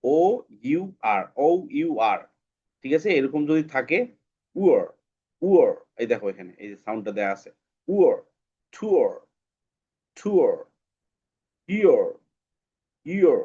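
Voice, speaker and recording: A man's voice: medium pitch, big pitch swings, normal speed, darkish tone, breathy edge, lo-fi sound. A man teaching English phonics, repeating each sound several times for the class. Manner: drills sounds by repeating them many times. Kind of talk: online phonics lesson.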